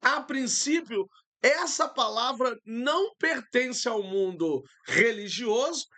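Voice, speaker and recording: A Brazilian pastor in middle age leads a live-streamed Bible lesson from his computer. His voice sits high and moves slowly and deliberately. He explains Greek terms patiently, filling pauses as he thinks. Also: lively intonation, pushed and bright. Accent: Brazilian Portuguese.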